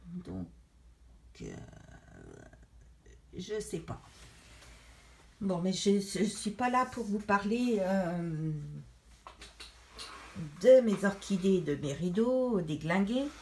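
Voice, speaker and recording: A middle-aged woman chatting casually as a craft vlogger, rambling and hesitant with many pauses while she leafs through a colouring book. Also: medium pitch, lively intonation, a little mellow, a little hiss or hum.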